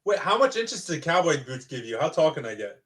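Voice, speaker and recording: Young man, podcast host, casual chat, joking, slightly high voice, lots of questions. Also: sing-song, a bit bright. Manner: joking, question-driven, quick to laugh.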